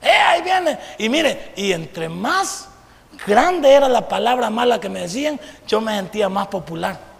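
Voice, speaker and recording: A Salvadoran man preaches in a church, his voice pitched high and heavily gravelly with fry. He speaks with animation, throwing rhetorical questions at the congregation and breaking into shouts, and a long church-hall reverb trails each phrase. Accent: Salvadoran Spanish. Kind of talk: sermon.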